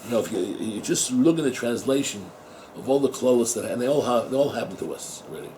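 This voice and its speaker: Rabbi in middle age, relaxed warm tone, chatty talk to students with Hebrew terms mixed in. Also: male voice, medium pitch, fast talker, slight background noise, rough recording. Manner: conversational, repeats words, asks the listeners rhetorical questions; mixes Hebrew and Yiddish terms into English. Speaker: rabbi teaching at a yeshiva. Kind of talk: informal Torah talk to students.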